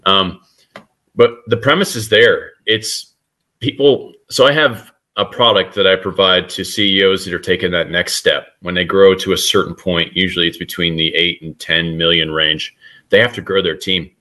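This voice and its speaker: A man's voice: deep voice, fairly even intonation, normal speed, pushed and bright. A middle-aged man, a guest author, talking earnestly in a casual podcast interview with frequent restarts.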